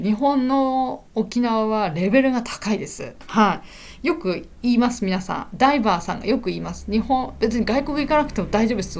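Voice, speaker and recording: Lively chatty woman teaching. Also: fairly high pitch. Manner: chatty, fills pauses with "hai" and "ano"; lively, rising and falling often. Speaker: Japanese teacher. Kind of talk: casual podcast lesson.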